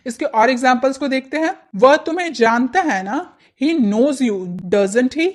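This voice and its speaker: A woman teaching English grammar, explaining step by step and slowly repeating example sentences. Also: high-pitched, animated.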